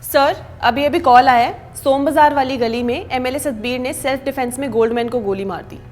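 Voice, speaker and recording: A woman playing a dutiful police officer with a fairly high voice, reporting in an earnest, respectful way. Faint music plays underneath. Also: normal speed, a little mellow.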